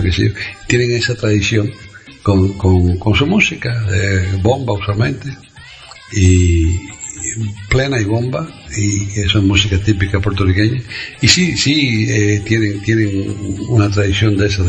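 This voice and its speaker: A man's voice: fairly low pitch, a little slow, creaky. A man chatting casually as a radio co-host, hesitating and repeating phrases as he goes. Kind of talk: casual unscripted chat. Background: music.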